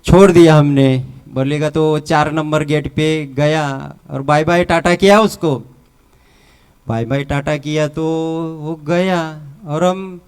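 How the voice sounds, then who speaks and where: Slow, clear-voiced Mumbai man giving testimony. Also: on the high side, darkish tone. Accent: Mumbai Hindi with Marathi words. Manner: halting, repetitive storytelling. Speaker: testimony speaker at a church retreat. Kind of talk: personal faith testimony.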